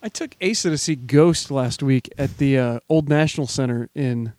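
A man's voice: mid-range voice, moderate pace, a little mellow, no echo, studio quality. A man interviewing a musician in a friendly, chatty way, asking loose, rambling questions. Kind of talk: casual interview chat.

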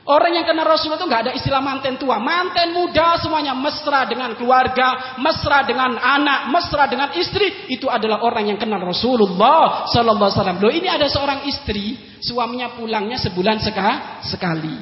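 Male preacher, humorous sermon, high voice, long hall reverb, dull lo-fi sound, jokey and animated. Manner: jokey, addresses listeners directly with quick questions; animated, swings between loud bursts and low asides. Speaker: Islamic preacher.

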